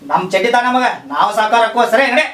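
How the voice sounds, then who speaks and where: A man doing a greedy landlord's son in a comedy skit, scornful and bossy, in a very high, bright voice with a North Karnataka accent. He sounds distant in an echoey room, with faint noise behind him. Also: expressive, fast, heavily acted. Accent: North Karnataka Kannada.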